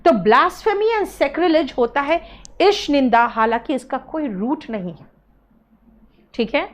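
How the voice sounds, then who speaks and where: A woman's voice: high voice, animated, slow pace. A woman teaching an online English exam class. She explains words patiently, calls students "beta" and keeps checking "है ना?". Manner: mixes English terms into Hindi explanations.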